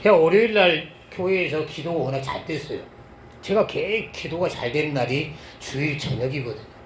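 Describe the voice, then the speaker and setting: A middle-aged man, a pastor, giving a sermon with a personal testimony, telling it in an animated way with sudden loud bursts and low asides. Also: moderate pace, a little hiss or hum. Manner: animated storytelling, swinging between loud exclamations and low asides. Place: church sanctuary. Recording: echoey church hall.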